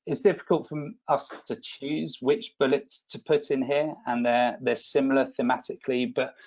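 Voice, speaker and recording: A man's voice: mid-range voice, muffled recording. A man presenting a product webinar in a chatty, self-deprecating way, often restarting and repeating words.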